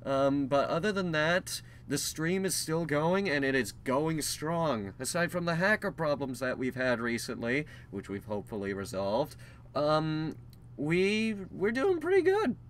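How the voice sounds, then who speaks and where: A man's voice: on the high side, expressive, a little slow, a bit bright, slight background noise. A young man hosting a casual vlog update, rambling with frequent ums and restarts, candid and self-deprecating. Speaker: channel host giving a news update.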